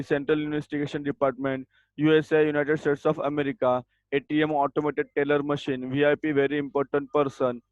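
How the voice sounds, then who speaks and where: A man teaching a grammar lesson over a video call, giving slow, deliberate definitions and sternly telling students to mute. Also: fairly high pitch, no room sound. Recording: dull lo-fi video call audio.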